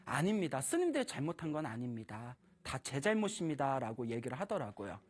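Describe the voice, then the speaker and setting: A Buddhist preacher telling a temple story in a lively, animated way, laughing often while speaking to an audience. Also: mid-range voice, fairly quick, slightly rough. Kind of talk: storytelling dharma talk.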